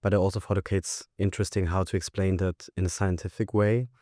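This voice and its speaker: Man, very deep and mellow. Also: level tone, quick pace, dry recording, clean studio sound. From Austria. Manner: thoughtful, hesitant with fillers. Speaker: graduate guest. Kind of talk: interview answers.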